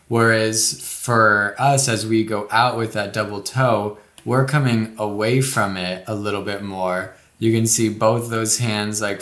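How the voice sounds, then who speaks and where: A man co-hosting a casual climbing technique breakdown, his voice sitting a little low. He rambles and restarts as he thinks aloud. The recording carries a noticeable room echo. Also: a bit bright. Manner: loose and rambling, many restarts and "like" fillers. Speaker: co-host breaking down climbing footage.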